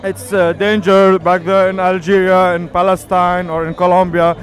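High, flat-voiced young man at a march. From Lebanon. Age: 20s. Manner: halting, earnest. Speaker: refugee interviewed at a march. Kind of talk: street interview. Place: outdoors at a street march.

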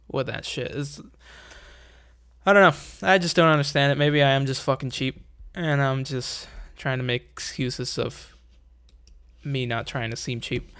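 A man's voice: mid-range voice, fairly bright tone, clean tone. Young male host, casual profane rant, wry and rambling.

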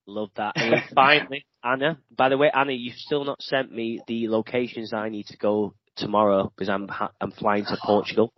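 A man's voice: medium pitch, fairly even intonation, normal speed, hardly any pauses, no echo. A man hosting a podcast, upbeat and chatty, laughing easily with his guests. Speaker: podcast host. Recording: dull lo-fi sound, very dry.

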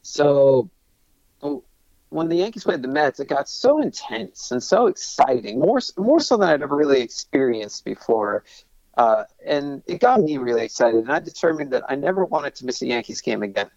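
A man's voice: medium pitch, big pitch swings, moderate pace, darkish tone, no echo. Enthusiastic man talking sports, muffled sound. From Long Island, New York. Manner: enthusiastic, many restarts and fillers. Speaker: sports broadcaster guest. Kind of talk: casual interview talk.

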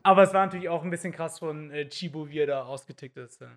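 A man's voice: fairly high pitch, fast talker, fairly bright tone. A man hosting a casual chat, talking in a teasing, chatty way and often tagging on "ne?".

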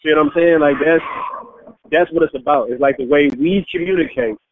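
A man calling in over the phone, talking in a casual, halting way that repeats words and leans on fillers. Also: on the high side. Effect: heard over a phone line. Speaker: caller pitching his book. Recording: tinny phone line with faint hiss.

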